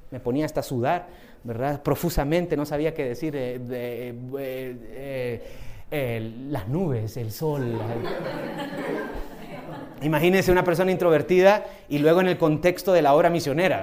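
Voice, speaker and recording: Man preaching with loud emphatic bursts. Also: fairly high pitch. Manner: tags many phrases with a questioning "right?"; swings between soft asides and loud emphatic bursts. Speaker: lay preacher. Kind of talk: sermon with personal testimony.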